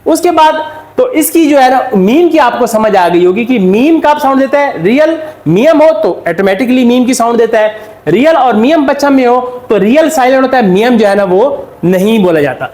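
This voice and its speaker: A man's voice: very high-pitched, lively intonation, normal speed, a little mellow, echoey room. A man with a Pakistani Urdu accent, giving a step-by-step classroom lesson and answering his own questions. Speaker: Korean language teacher.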